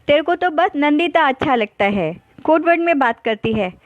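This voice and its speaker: A woman's voice: high voice, lively intonation, moderate pace, no room sound. A woman voicing a curious young female hostel friend, pestering with wheedling questions. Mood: pleading. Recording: dull lo-fi dry recording.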